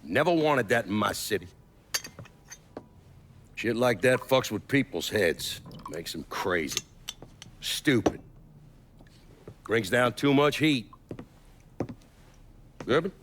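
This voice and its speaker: An actor playing a blunt, coarse crime boss in a game scene, talking matter-of-factly. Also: male voice, mid-range voice, expressive, slow, long pauses, fairly bright tone, a little hiss or hum. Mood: cold. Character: gruff older male mob boss, blunt.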